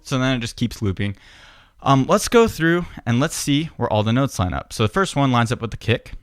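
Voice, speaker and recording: A man's voice: mid-range voice, fairly quick. A man giving a casual, patient step-by-step piano tutorial, often opening sentences with "so". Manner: relaxed, patient, starts many sentences with "so". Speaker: piano and beatbox teacher. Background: piano playing.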